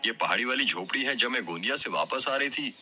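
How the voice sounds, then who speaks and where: A man's voice: medium pitch, lively intonation, fast talker, pushed and bright, soft background music, pitched above the performer's own voice. A man voicing a poor but proud young village woman in an audio story, speaking sweetly and politely. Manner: sweet, polite, self-respecting.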